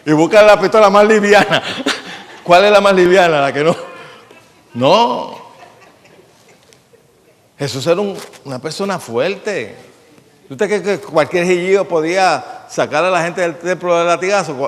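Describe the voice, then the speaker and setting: A man preaches in a relaxed, conversational way, quizzing his listeners and joking as he goes. His voice sits a bit high for a man, and it rings out with a long echo in a church hall. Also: a little slow, long pauses. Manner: plain-spoken, asks the congregation questions, jokes. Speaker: pastor. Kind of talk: conversational sermon.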